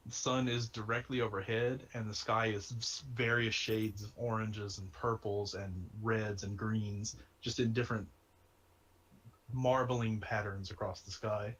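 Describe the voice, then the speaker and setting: A man's voice: fairly low pitch, level tone, measured pace, a bit bright. A man narrating as game master of a tabletop game, casual and wry, laughing often. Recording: streamed game session.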